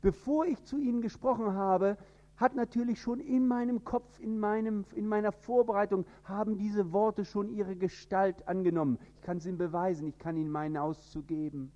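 A man from northern Germany with a standard High German accent, preaching an emphatic sermon. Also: fairly even intonation, normal speed, muffled recording. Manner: emphatic, with sudden rises in pitch and loudness.

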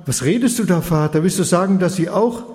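A man's voice: high-pitched, fairly quick, darkish tone, voice pushed up, lightly acted. A man voicing a distraught grown son in a Bible story, urgent and disbelieving. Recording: long hall reverb.

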